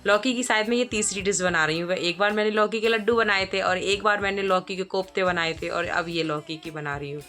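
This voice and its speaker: A woman in her thirties chats through a voice-over for her daily home vlog. She rambles easily, restarting sentences and filling pauses as she goes, at an ordinary mid pitch. Soft music plays faintly beneath her. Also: fairly even intonation. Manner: chatty, rambling, many fillers and restarts. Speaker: vlogger. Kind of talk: casual voice-over narration.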